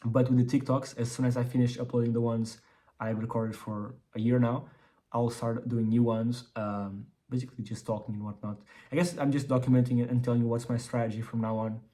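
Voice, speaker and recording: This entrepreneur vlogger, mellow-voiced and wearing braces, speaks a little fast at a medium pitch that barely moves. His articulation is slightly impeded by the braces. The casual business update rambles, full of repeated and restarted words.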